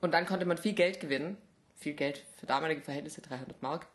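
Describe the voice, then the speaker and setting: A young woman co-hosting a podcast in casual chat, telling lively stories and laughing often. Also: low voice, fast talker. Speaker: podcast co-host.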